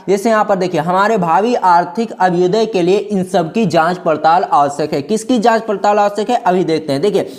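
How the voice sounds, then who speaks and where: A man's voice: sits high, a little mellow. A male teacher giving an exam-prep lesson, explaining step by step and often checking that students are following. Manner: explains step by step, repeats "ठीक है" and "देखिए", addresses students as friends.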